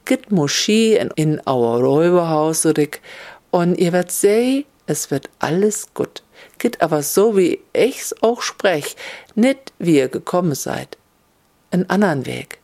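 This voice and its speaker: Gentle good fairy, read by a narrator. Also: medium pitch, very animated, slow. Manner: gentle, soothing. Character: kind woman, a good fairy.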